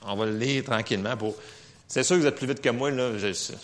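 A man with a Quebec French accent preaching in church, telling a personal testimony in an animated, laughing storytelling manner. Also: mid-range voice, a little fast, a little hiss or hum.

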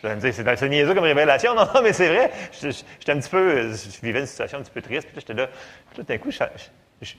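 A man with a Quebec French accent preaching a sermon in a lively, conversational way with jokes. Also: medium pitch, quick pace.

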